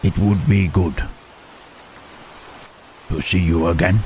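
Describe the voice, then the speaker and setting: A man playing Frankenstein's monster as a lonely, gentle creature in intimate ASMR roleplay, halting and tender, with formal wording. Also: deep voice, fairly even intonation, slight background noise. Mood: tender, longing. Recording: rain and thunder behind the voice. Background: rain and thunderstorm.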